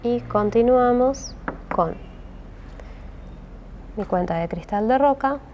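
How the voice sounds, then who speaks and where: A woman's voice: fairly high pitch, expressive, takes it slowly, lo-fi sound, slight background noise. A woman with a Rioplatense Spanish accent teaching a step-by-step craft tutorial, patient and checking in often with her listeners. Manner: patient, with frequent "¿sí?" check-ins and many hesitations.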